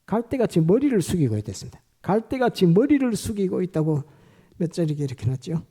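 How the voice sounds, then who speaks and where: A male pastor giving a Sunday morning sermon, halting with frequent "uh" fillers and having the congregation repeat phrases after him. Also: sits high, big pitch swings, warm tone, breathy edge.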